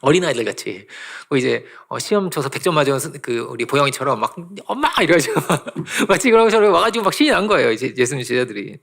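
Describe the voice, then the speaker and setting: Fast-talking gravelly male pastor. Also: mid-range voice. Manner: animated storytelling with laughs and acted-out quotes. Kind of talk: sermon. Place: church sanctuary.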